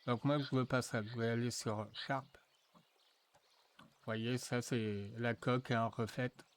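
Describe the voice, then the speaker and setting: A man walking viewers through a software tutorial, thinking aloud with frequent fillers and restarts. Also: medium pitch, fairly even intonation. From France. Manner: slow, hesitant, thinking aloud with many fillers. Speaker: tutorial presenter. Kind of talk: screen-recorded software tutorial.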